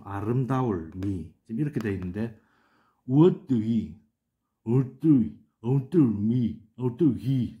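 A man teaches from slides in a room with a lot of echo. He sounds out words slowly and repeats them, and his voice rises and falls over a wide pitch range. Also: a little mellow. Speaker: channel host explaining words. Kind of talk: lecture over on-screen slides.

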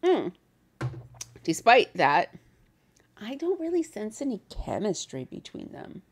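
Animated woman with a lively voice. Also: mid-range voice, takes it slowly, faint music behind. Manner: animated, chatty, laughs often. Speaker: reaction video host. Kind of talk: casual reaction chat. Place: her bedroom.

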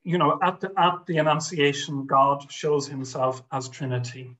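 Fairly high-pitched and a bit bright, the voice belongs to an older Irish guest scholar talking at normal speed over a webcam call from his home study. He comes across as thoughtful, hesitating often with restarts and filler words.

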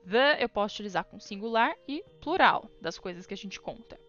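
A young woman, a native Portuguese speaker, teaching English in a casual video lesson, reading example sentences slowly and often checking in with "ok?". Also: mid-range voice, expressive, fairly bright tone, muffled recording, faint music behind.

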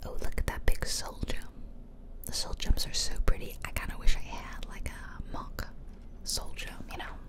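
While playing a video game, a woman streamer offers ASMR-style whispered commentary that is gentle, teasing, and slowly stretched out. She sounds tired.

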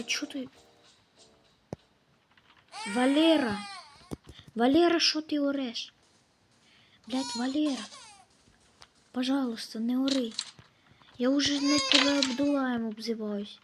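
A woman's voice: high-pitched, noisy background. A woman giving casual let's-play commentary, scolding and swearing at the game characters as she plays. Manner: slow, drawn-out delivery. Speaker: gameplay commentator.

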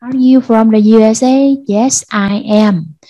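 Slow-speaking Vietnamese-accented teacher. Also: female voice, on the high side, steady tone, warm tone, no room sound, rough recording. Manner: slow, patient, repeats answers to pupils. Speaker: primary school English teacher. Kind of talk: online class lesson.

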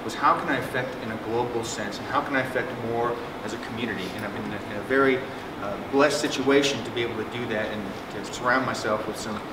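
This middle-aged psychiatrist talks fast, with hardly any pauses, in a medium-pitched voice at a symposium. He jokes, converses loosely, and restarts often amid plenty of fillers. The room has a projector screen, echo, a distant mic, and air conditioning hum.

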